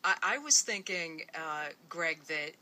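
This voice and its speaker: Bright, chatty American woman, public radio host. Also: low voice, expressive, a little slow. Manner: chatty, informal, enthusiastic. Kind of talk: live radio interview and call-in hosting.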